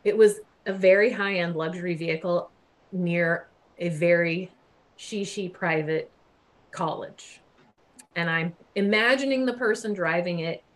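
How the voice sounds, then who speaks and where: Animated woman telling a story. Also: on the low side. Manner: animated, laughing, swears freely. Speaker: guest. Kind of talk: casual storytelling chat.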